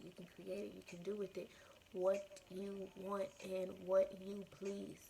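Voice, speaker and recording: A woman host giving a casual, reflective monologue to her followers, earnest and meandering, circling back over her phrases in a creaky voice. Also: medium pitch, warm tone, slight background noise, rough recording. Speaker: spiritual self-love podcast or vlog host.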